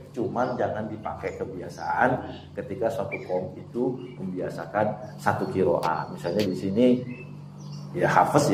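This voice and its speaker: Man, relaxed chatty lesson, laughs often, roomy echo, faint hum behind. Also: fairly low pitch. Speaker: Quran teacher. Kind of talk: informal classroom lesson. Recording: echoey room with faint ambience.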